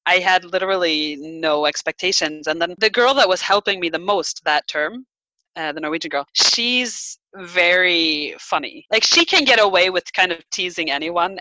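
A young American woman chats casually with her conversation partner, self-deprecating and full of "like." Her fairly low voice sounds pushed and bright on a low-quality recording with no room sound.

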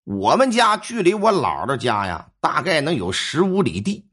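A man telling a ghost story in a colloquial, animated way. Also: on the high side, moderate pace, slightly rough.

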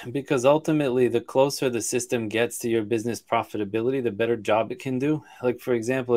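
A man's voice: mid-range voice, warm tone. Man explaining steadily with ums. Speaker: guest expert. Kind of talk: casual podcast interview.

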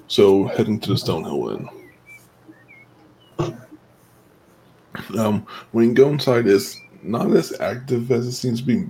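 A man's voice: deep voice, a little mellow. Nasal, congested male game master, noisy recording. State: congested from pollen allergy. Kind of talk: casual tabletop game narration.

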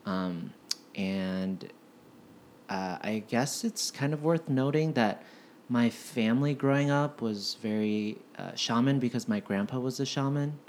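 A man's voice: mid-range voice, a little slow, a little mellow, slight background noise. A man in his twenties from the United States, a guest in a casual podcast conversation, talking hesitantly with many "um" and "like" fillers. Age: 20s.

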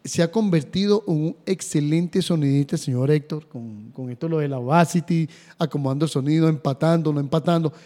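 Mellow-voiced male podcast co-host. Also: fairly high pitch, a little fast, few pauses. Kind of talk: casual chat. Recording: reverberant room.

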